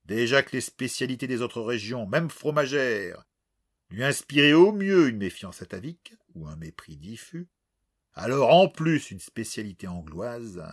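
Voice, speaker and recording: A man narrating an audiobook with expressive, dramatic storytelling. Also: medium pitch, measured pace, slightly rough.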